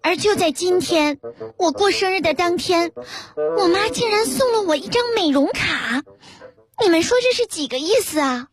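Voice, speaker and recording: Very high-voiced woman telling jokes. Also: moderate pace, very noisy. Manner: lively first-person joke telling. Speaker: radio host reading jokes. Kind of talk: scripted comic storytelling. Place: radio studio. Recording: background music under voice.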